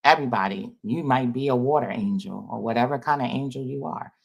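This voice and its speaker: A spiritual vlogger gives his viewers a loose, rambling monologue in an informal, folksy manner. His creaky voice sits at medium pitch and moves a little fast.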